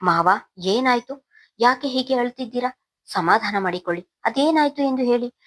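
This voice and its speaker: A woman's voice: fairly high pitch, lively intonation, normal speed, voice pushed up, lightly acted. A woman playing a desperate, pleading young wife. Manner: pleading, stammering.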